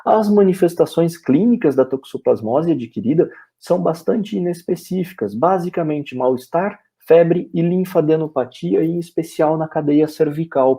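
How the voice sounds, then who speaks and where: A man with a Brazilian Portuguese accent gives a veterinary webinar lecture, walking through the material step by step. His voice sits on the high side with a dark tone and a breathy edge, and he fills pauses with "é" while often checking in with "ok?"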